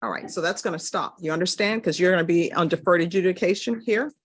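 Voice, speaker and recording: A woman presiding as judge in a courtroom recording, putting formal questions in a brisk, businesslike way. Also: fairly low pitch, breathy edge. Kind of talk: formal plea hearing questioning.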